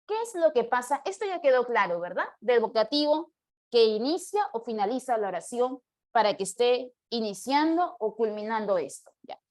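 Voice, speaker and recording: A woman's voice: fairly high pitch, sing-song. A woman teaching a live online language class, explaining patiently and taking student questions. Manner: patient, explanatory, reads questions aloud slowly.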